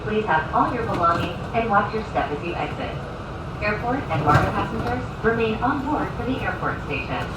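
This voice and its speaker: A woman's recorded train announcement voice from a loudspeaker inside an airport people-mover, speaking in a clear, measured, formal way. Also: animated. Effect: train public address announcement. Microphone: camera filming the train's loudspeaker. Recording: echoey hall from far off, loud train noise. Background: loud train rumble.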